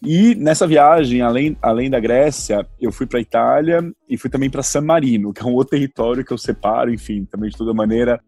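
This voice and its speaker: A man's voice: medium pitch, a little fast, hardly any pauses, darkish tone, dry recording, faint music behind. A man in his forties from São Paulo, talking about travel as a podcast guest, often restarting his sentences. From Brazil (São Paulo). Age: 40s. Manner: hesitant, many restarts and fillers. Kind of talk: casual interview talk.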